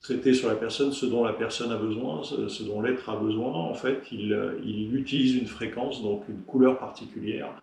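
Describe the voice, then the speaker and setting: A man giving a casual explanatory talk, haltingly rephrasing as he goes. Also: medium pitch, steady tone, gravelly, a little mellow, a little hiss or hum. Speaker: speaker on spiritual healing. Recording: echoey room, distant mic.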